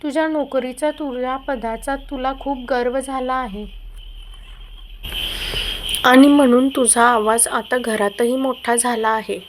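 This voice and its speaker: A woman's voice: sits high, fairly even intonation, measured pace, slight background noise. A woman reading as an angry young husband.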